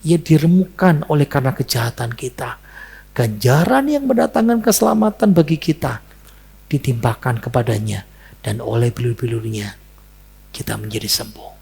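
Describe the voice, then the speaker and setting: A man telling a sermon story voices a patient, loving father speaking gently and earnestly to his son. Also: mid-range voice, expressive, normal speed, creaky, breathy edge, heavily acted. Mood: gentle.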